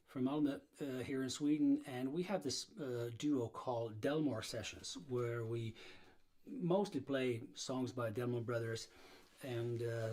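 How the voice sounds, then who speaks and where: A middle-aged Serbian man with a mid-range, darkish voice hosts a blues guitar livestream. He talks casually and rambles, with lots of fillers and restarts.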